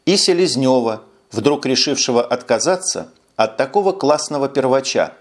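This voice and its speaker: An audiobook narrator, a man with a mid-range voice, reads a crime story aloud. His scripted narration is even and measured.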